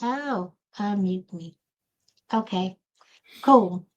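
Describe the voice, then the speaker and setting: A woman's voice: medium pitch, drawn-out words, highs cut off. A woman hosting a podcast interview in a loose, casual way, leaning on "you know" fillers, speaking over a video call. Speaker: podcast host.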